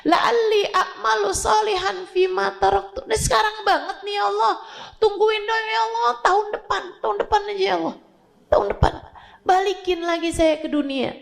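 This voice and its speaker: A woman's voice: extremely high pitch, fairly even intonation, normal speed, vocal fry, voice pushed up, heavily acted. A woman preacher acting out a dying sinner who begs God for more time, pleading and bargaining over and over within her sermon. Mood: desperate pleading.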